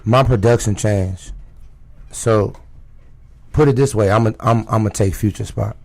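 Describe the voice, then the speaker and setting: A raspy-voiced rapper from Chicago, talking loosely as a guest on a radio interview, full of fillers like "you know" and "um". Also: male voice, fairly low pitch, measured pace, darkish tone. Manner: loose, street-casual talk with many fillers.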